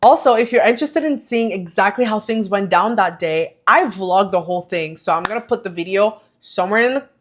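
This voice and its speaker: A woman vlogging about her coaching business in a chatty, animated way, often correcting herself mid-sentence. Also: mid-range voice, brisk. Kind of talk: casual talking-head vlog.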